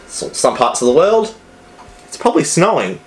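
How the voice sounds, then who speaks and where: A man's voice: a little high, sing-song, normal speed, reverberant, soft background music, low-quality recording. A man talking through a cooking demonstration, with chatty, upbeat, step-by-step instructions. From Australia. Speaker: cooking vlogger.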